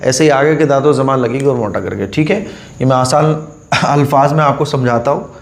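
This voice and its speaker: Patient man teaching in an echoey room. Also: medium pitch. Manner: patient, repeats the rule, drills each letter slowly. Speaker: Quran reading teacher. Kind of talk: step-by-step reading lesson.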